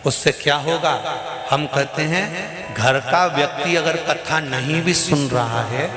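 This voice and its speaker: A man's voice: fairly high pitch, measured pace. A man, preaching a devotional sermon to a large open-air gathering in a folksy, emphatic way, speaking straight to the crowd. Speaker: religious storyteller. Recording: echoey live PA sound with loud crowd.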